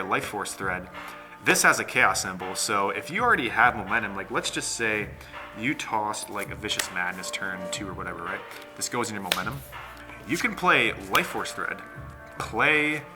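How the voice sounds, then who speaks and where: A young man walks through a card game match in a relaxed, filler-packed way, chuckling and cursing along. His voice sits a little low. Music plays clearly underneath. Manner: casual, laughing, filler-heavy, swears. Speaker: card game deck reviewer. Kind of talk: casual gameplay demo.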